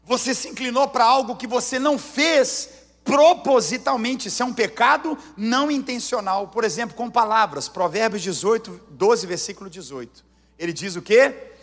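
High-voiced Brazilian pastor preaching, big reverb. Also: male voice, moderate pace. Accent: Brazilian Portuguese. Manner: emphatic preaching, swinging between hushed and near-shouted lines. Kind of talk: sermon. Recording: long hall reverb.

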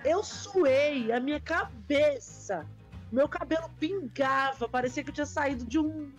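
High-voiced woman co-host, chatty, kinda exasperated, swears a lot. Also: measured pace, soft background music. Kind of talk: casual chat.

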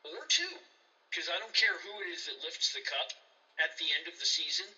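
A man's voice: fairly high pitch, a little fast, bright, forceful tone, far from the mic, dull audio. A man co-hosting a podcast, delivering an emphatic, profane, preachy rant about sports. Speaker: podcast co-host.

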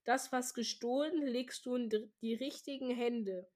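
A woman reading as a slow solemn oracle. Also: a little high, fairly even intonation, darkish tone, natural voice. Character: raspy mist oracle voiced by ghostly card players.

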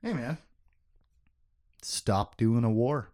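A man's voice: medium pitch, drawn-out words, warm tone. A man hosting a podcast, recapping a book in casual chat, joking, laughing often and swearing.

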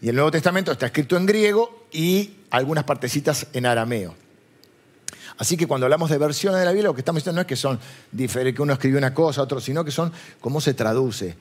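Speaking quickly in an animated, husky voice on the high side, a man with a Rioplatense Spanish accent preaches conversationally. He digresses, keeps it chatty, and often puts questions to the audience.

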